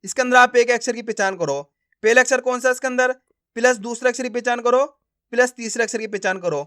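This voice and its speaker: A man teaching a reading lesson, sounding out each syllable slowly and firmly and often asking the listener if it is clear. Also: very high voice, sharp tone. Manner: sounds out words syllable by syllable, slow and emphatic; repeats simple questions to the viewer.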